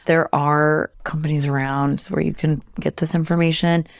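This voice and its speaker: A woman co-hosting a podcast, calmly explaining protein and calorie math step by step. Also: low-pitched, moderate pace, no room sound, clean studio sound. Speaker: podcast co-host, nutrition expert. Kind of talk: casual explanatory chat.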